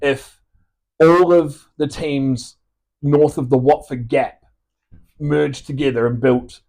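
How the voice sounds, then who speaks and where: A man's voice: fairly high pitch, fairly even intonation, slow pace, creaky, a little mellow. Rambling man with mixed Aussie-Kiwi accent. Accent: mixed Australian and New Zealand. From Australia. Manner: rambling, many restarts and swearing. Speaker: podcast guest. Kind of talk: casual chat.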